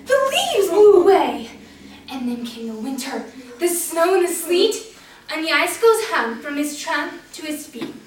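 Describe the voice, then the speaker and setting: A woman narrating a rhymed children's story at a speech competition, expressive and sing-song. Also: very high voice, unhurried. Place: competition room. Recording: echoey room, mic far off, faint noise.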